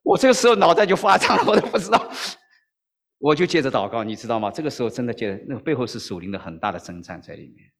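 Speaking fast in a mid-range voice, a male pastor preaches with a long reverb tail behind him. His sermon, in Mandarin-speaking church style, unfolds as an animated story with acted dialogue and repeated "OK?" checks with the audience.

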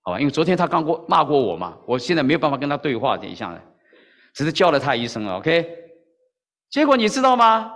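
Animated male preacher in a reverberant hall. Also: on the high side, quick pace. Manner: animated, acts out dialogue, frequent "OK?" to the audience. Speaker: pastor. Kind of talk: sermon with storytelling.

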